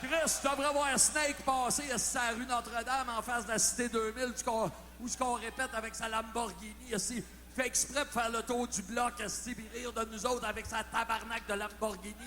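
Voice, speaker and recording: A man with a Quebec French accent doing loud, swearing, mock-serious comedic banter between songs at a live concert. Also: very high-pitched, fairly even intonation, moderate pace, few pauses, in a large hall. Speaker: singer and frontman. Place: concert venue stage.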